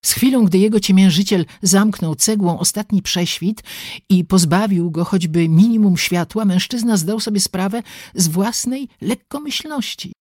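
An audiobook narrator telling the story in an expressive, dramatic way. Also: mid-range voice, moderate pace, no room sound, studio quality. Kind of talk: scripted narration.

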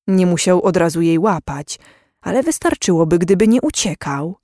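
An audiobook narrator reading a novel in a measured, even storytelling voice on a close microphone. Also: medium pitch, no room sound.

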